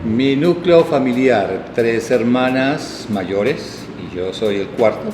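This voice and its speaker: A Colombian man, a design program director, answering interview questions in a reflective way, pausing with fillers. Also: medium pitch, lively intonation. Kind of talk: conversational interview. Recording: echoey hall with music.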